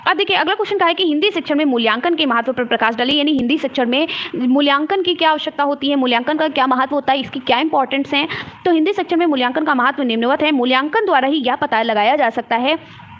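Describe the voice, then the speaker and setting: A woman's voice: high-pitched, quick pace, lo-fi sound. A woman teacher explaining exam answers step by step and often checking in with her students. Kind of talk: exam-prep lecture.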